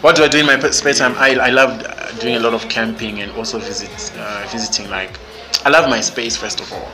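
Speaking a little fast at a medium pitch, a young man from Zimbabwe talks casually as an interview guest on a podcast. He's outspoken and emphatic, and music can be clearly heard beneath him.

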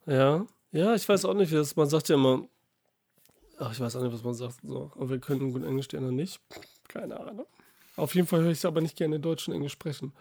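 A man's voice: fairly high pitch, quick pace, creaky. A man co-hosting a podcast in casual, rambling chat, laughing often. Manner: lively, rambling, laughs a lot. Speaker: podcast co-host.

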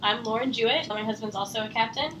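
A woman's voice: fairly high pitch, quick pace, background noise. A woman from Missouri, an army spouse, sharing her experience thoughtfully in a roundtable. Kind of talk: roundtable discussion.

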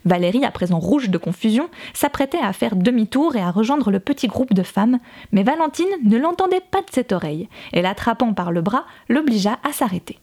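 A woman reading a novel aloud in calm, measured scripted narration. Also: a little high. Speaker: audiobook reader.

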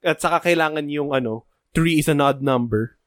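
A man's voice: a little high, normal speed, no room sound, studio quality. A young man co-hosting a podcast, joking around and speaking straight to listeners in a mix of Tagalog and English. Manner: joking and playful, addresses listeners directly. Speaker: podcast co-host. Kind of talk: casual chat mixing Tagalog and English.

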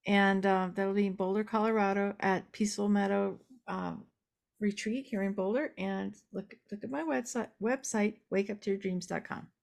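A middle-aged woman, a dream worker co-hosting a podcast, talking in a chatty, animated way. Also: mid-range voice. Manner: chatty and animated, laughs easily. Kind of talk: casual podcast conversation.

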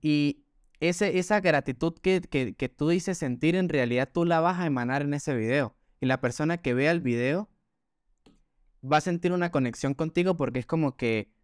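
This man has a Venezuelan Andean accent and co-hosts a casual podcast chat. His voice sits slightly high and sounds smooth and clear. He explains earnestly, often restarting his sentences. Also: normal speed, no echo, studio quality. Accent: Venezuelan Andean (gocho). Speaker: podcast co-host.

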